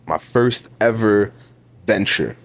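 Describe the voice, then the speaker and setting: A twenty-something man from Ontario, Canada, with a Toronto accent speaks as a podcast guest in casual interview talk, his voice somewhat low, slow, and fairly bright in tone. Emphatic and motivational, he repeats words to drive his points home and keeps calling the host bro.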